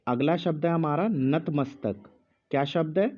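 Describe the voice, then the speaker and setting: Male teacher, slow measured dictation, muffled lo-fi sound. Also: a little high. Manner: speaks slowly with pauses, repeats each word. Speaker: Hindi teacher.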